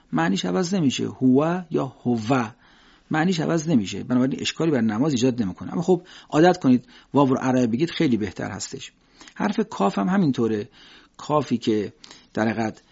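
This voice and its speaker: A man with a husky, slightly breathy voice explains recitation rules in a calm teaching manner. He draws out his spoken examples slowly between stretches of plain explanation. The recording sounds dull and lo-fi. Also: mid-range voice.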